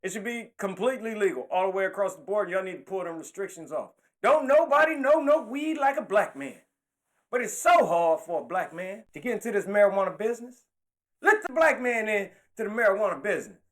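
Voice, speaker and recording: A man delivering an impassioned monologue to camera, animated and slangy, talking with his hands. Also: high-pitched, quick pace. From California. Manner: animated, preachy, slangy street talk, gestures while talking. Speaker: political commentator.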